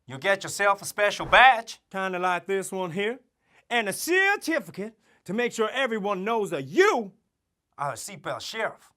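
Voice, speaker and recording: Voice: medium pitch, big pitch swings, moderate pace. A performer voicing a goofy cowboy sheriff mascot for kids in a put-on American cowboy drawl, hammy and showy. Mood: hammy cheerful. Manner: hammy, showy, yelling catchphrases. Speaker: road-safety mascot addressing children. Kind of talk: scripted kids' safety promo.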